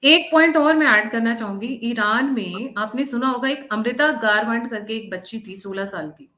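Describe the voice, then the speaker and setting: A woman's voice: on the high side, normal speed, pushed and bright. A woman joins a political discussion, cutting in to add points of her own. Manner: interjecting with added points.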